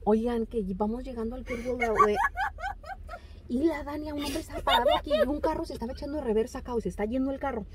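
A woman's voice: high-pitched, quick pace. A middle-aged woman with a Mexican Spanish accent, chatting playfully and teasing as she talks to her viewers. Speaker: vlogger. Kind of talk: casual vlog chat to viewers. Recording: steady background noise.

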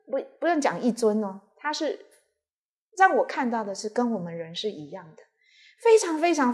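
A Buddhist nun, giving a dharma talk and telling a personal story with vivid, emotional repetition. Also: female voice, on the high side.

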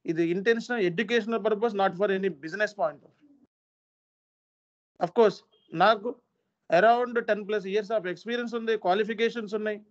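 A man with a high voice lectures his trainees sternly and hammers each point home with repetition. He sounds like an earnest instructor pleading with his students. The recording is dull and lo-fi. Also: a little slow, long pauses.

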